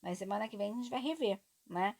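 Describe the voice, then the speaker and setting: A woman teacher from Brazil, lively and encouraging as she talks students through a grammar exercise. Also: mid-range voice, fairly quick. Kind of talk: classroom lesson explaining exercises.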